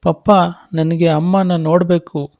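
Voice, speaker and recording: A man voicing a frightened little village boy who pleads in a high, urgent voice. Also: little pitch movement, a little slow, lo-fi sound. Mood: pleading.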